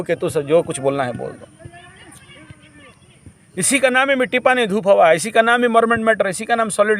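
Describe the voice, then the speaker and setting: A man's voice: sits high, fairly bright tone. A man teaching a camp group in a preachy, repetitive way, slipping English phrases into his lecture.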